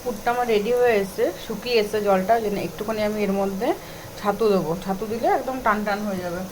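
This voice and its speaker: With a fast pace and mid-range voice, a woman with a Bengali accent explains each step of a casual cooking demonstration while doing it. She's a home cook vlogger recording indoors in her kitchen, where frying and sizzling make it noisy.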